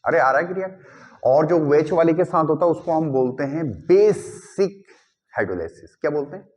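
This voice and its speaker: A man's voice: fairly high pitch, lively intonation, a little mellow. A male chemistry teacher lecturing a class, constantly checking whether students follow and slipping English phrases into his teaching. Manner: keeps checking understanding with quick repeated questions.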